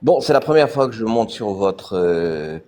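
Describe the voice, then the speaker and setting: A man's voice: lowish voice, big pitch swings, normal speed, a little mellow. A man, a Hebrew speaker, chatting casually in broken French and searching for words. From Israel. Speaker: guest joining a live stream. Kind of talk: casual chat.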